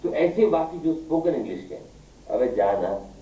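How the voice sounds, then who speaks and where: A man's voice: on the high side, expressive, fast, dark tone. A male English teacher lecturing a class, firing questions at his students and scolding them. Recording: echoey room, far from mic.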